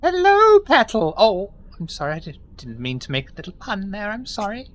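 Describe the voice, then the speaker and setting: A woman playing a doting, excitable old grandmother vampire hostess in a tabletop game, effusive and fussing, often repeating her words. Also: mid-range voice, normal speed, slight background noise, voice pushed down. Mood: delighted, welcoming.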